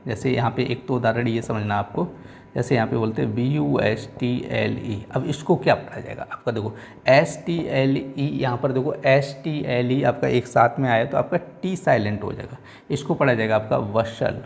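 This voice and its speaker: Gravelly-voiced man teaching a lesson. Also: medium pitch, moderate pace, darkish tone, a little hiss or hum. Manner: repetitive teaching, asks and answers own questions. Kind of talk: classroom lecture.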